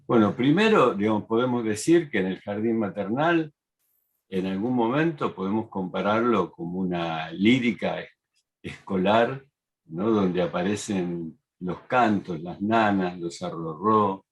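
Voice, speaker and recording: A middle-aged man. He speaks as a panelist in a measured, explanatory manner and often pauses on fillers as he builds a point. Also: fairly low pitch, animated. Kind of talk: reflective talk.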